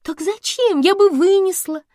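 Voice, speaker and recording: Brief: woman doing a shrill, chatty housekeeper, flustered and loud, dry audiobook. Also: measured pace, no echo. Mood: fussing. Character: flustered, chatty female housekeeper, middle-aged. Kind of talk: audiobook character voice.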